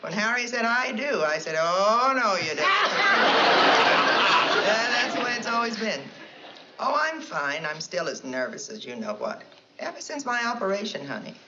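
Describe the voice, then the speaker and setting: A comedienne plays a chatty married woman gossiping on the phone in a 1960s sitcom, firing off punchlines and laughing at them. Her natural, mid-range voice is sing-song at a normal speed. The very noisy, dull old TV audio carries a loud studio audience.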